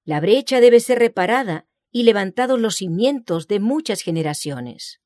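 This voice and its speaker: A woman's voice: medium pitch, expressive, a little mellow, no room sound. Woman reading religious text, dry sound. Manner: measured, solemn reading with scripture citations. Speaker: reader of a religious book. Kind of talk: scripted narration.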